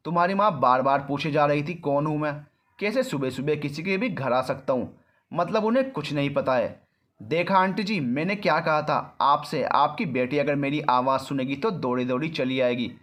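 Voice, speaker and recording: A man's voice: fairly high pitch, normal speed, fairly bright tone, close to an everyday voice. A man voicing an arrogant, controlling young man in a storybook reading, rude and mocking. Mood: angry shouting, then smug. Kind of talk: storybook narration.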